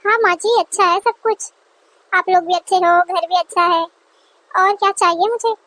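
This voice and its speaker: A woman's voice: very high voice, steady tone, normal speed, a bit bright, dry recording. A woman voicing an aggrieved young newlywed wife who argues indignantly with her in-laws, in a dry close recording. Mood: polite. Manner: indignant, complaining.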